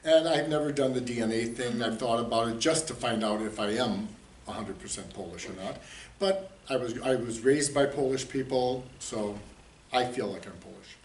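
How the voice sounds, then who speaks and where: A man's voice: mid-range voice, normal speed. A man in his sixties, raised in the United States, answering interview questions in an easygoing, rambling way with chuckles. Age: 60s. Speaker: interviewee, community theater director. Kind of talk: casual interview talk. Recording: roomy echo, distant mic, faint hiss.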